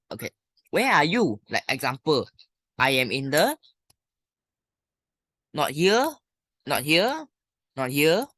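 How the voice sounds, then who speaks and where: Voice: mid-range voice, fairly bright tone, no echo, clean studio sound. A teacher with a Malaysian or Singaporean English accent, talking informally through lesson exercises and thinking aloud with colloquial particles. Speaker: primary school English teacher.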